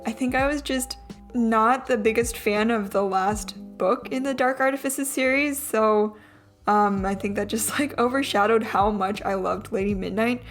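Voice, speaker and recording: A woman's voice: on the high side, moderate pace. A young adult woman giving a casual, chatty, self-deprecating vlog voice-over, with some trouble saying her R sounds. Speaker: vlogger. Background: background music.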